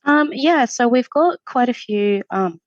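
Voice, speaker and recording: A woman's voice: on the high side, expressive, unhurried, no echo. A woman from Syria working in university student support, answering interview questions in a friendly, earnest way with frequent ums. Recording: dull lo-fi stream audio.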